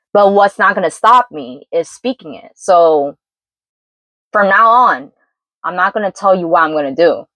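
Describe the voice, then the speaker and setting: A young woman from New York talking candidly into her vlog, earnest and reflective, pausing and correcting herself. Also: low voice, no echo, rough recording. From New York City, Brooklyn. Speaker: vlogger. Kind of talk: candid personal vlog monologue.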